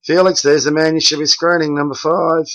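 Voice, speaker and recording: A man's voice: fairly high pitch, level tone, brisk, heavy background noise. A middle-aged man, a basketball coach reviewing game film and bluntly correcting his players by name.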